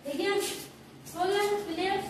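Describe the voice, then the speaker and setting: A woman's voice: very high voice, steady tone, measured pace. A woman teacher giving a classroom grammar lesson, asking questions and answering them herself, repeating the key terms. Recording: echoey room from far off, noisy.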